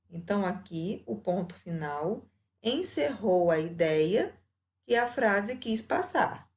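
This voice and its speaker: A woman's voice: medium pitch, a little mellow. A woman teacher giving a recorded grammar lesson, patiently explaining each point with examples.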